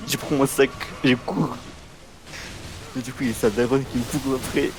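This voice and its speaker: Over game music on a stream, a man in his twenties with a mid-range, fairly even voice tells a rambling story from his childhood at normal speed. He keeps restarting sentences and acts out the voices of the people involved, with a little background noise audible.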